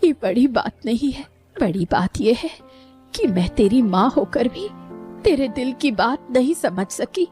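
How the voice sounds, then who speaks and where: A woman's voice: on the high side, animated, measured pace, a little mellow, faint music behind. Woman voicing tearful remorseful cartoon mother. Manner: emotional, tearful. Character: weary middle-aged mother, remorseful and loving. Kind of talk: Hindi cartoon voice acting.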